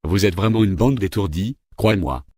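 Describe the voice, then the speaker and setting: Grumpy minister guy, read by a man, low voice, super dry close sound. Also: moderate pace, a little mellow, slightly rough, no room sound. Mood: irritated. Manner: grumbling, irritable. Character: grumpy, impatient male government minister. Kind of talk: read-aloud story dialogue.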